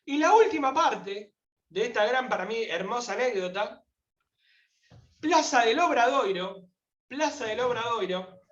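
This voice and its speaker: A man's voice: very high voice, a little slow, reverberant, highs cut off. A man from Argentina with an Argentine accent, a guest telling a heartfelt story in an interview and acting out the voices in it. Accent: Argentine Spanish. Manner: animated, acts out quoted voices. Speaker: guest pilgrim.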